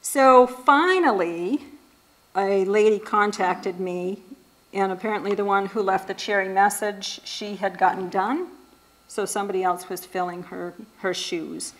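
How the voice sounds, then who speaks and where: A woman talks at an ordinary middle pitch to a church group. Her delivery is casual and conversational, with frequent fillers and restarts. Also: measured pace, a bit bright, rough recording. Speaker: speaker at a church event.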